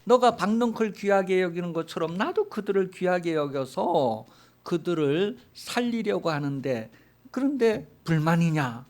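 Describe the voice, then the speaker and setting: God, patient and steady, reasons with a sulking prophet at an unhurried pace, as a preacher acts him out. The tone stays calm and gently reproving. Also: male voice, high voice. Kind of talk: sermon storytelling.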